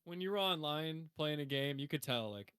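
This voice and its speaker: A man co-hosting a podcast, relaxed and laughing along in casual talk about video games. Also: on the high side, normal speed, clean tone, no room sound, studio quality. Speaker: podcast co-host. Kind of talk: casual gaming banter.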